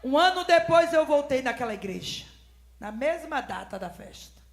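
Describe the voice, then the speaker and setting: A woman preaching a fervent Pentecostal sermon, swinging between shouting and hushed tones and breaking into speaking in tongues. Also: high-pitched, animated, normal speed.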